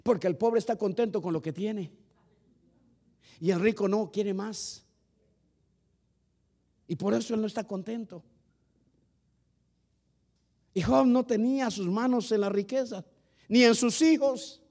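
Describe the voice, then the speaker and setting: A man preaches a sermon in a fairly high voice. He builds to loud, emphatic lines and drops back to quiet ones, calling out to his listeners as brothers and sisters. The sound is an archived church recording. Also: normal speed, gravelly, pauses often. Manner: preaching with rising and falling emphasis, repeating "hermano". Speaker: pastor.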